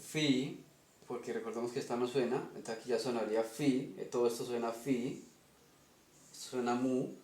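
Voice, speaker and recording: Teaching a made-up language at a whiteboard, this Colombian-accented man proceeds methodically and keeps checking in with "ok?". His voice is mid-range and darkish, with fairly even intonation at a moderate pace, in a reverberant space.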